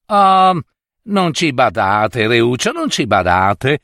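Man doing ogre's cunning daughter, coaxing, lively swooping voice, fairy tale reading, dry sound. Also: medium pitch, takes it slowly, no echo, exaggerated voice. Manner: coaxing, persuasive.

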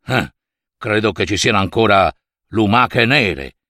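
A man's voice: lowish voice, a little slow, dry recording, studio quality, pitched below the performer's own voice. A man voicing a cautious, contented older father snail in a storybook reading. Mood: calm. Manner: calm, grumbling.

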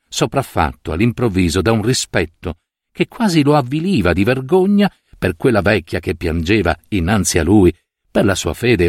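Low, expressive male story narrator. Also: dry recording, studio quality. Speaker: reader of a short story. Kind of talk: literary audiobook narration.

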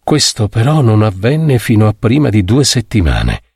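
A man narrating a classic story aloud with an expressive, theatrical reading. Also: on the low side, normal speed, slightly rough, no room sound, clean studio sound. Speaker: audiobook narrator.

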